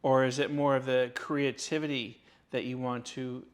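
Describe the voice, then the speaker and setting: A man's voice: mid-range voice, flat delivery, moderate pace, smooth. A man hosting a design podcast, reading a scripted opening and then asking chatty questions. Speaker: podcast host. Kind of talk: podcast interview.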